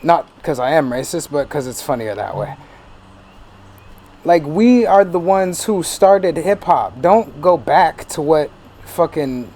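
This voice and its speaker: A man's voice: fairly high pitch, darkish tone. A man ranting profanely in casual let's-play commentary as a gaming streamer. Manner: profane, ranting, laughing asides.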